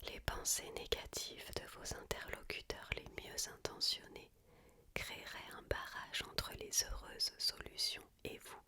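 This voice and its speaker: A woman gives an ASMR book reading entirely in a hushed library whisper. She takes her time over every phrase, measured and careful. The whisper has a bright, crisp edge. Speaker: ASMR reader.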